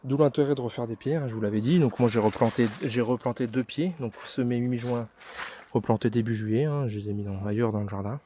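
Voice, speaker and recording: A man from France, mid-pitched, talks through a casual tour of his vegetable garden, full of hesitant fillers and self-deprecating asides. He films outdoors on a handheld phone, with a faint hum of outdoor noise behind him. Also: a little fast, dark tone. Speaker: gardening vlogger. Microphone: handheld phone camera. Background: neighbours' party.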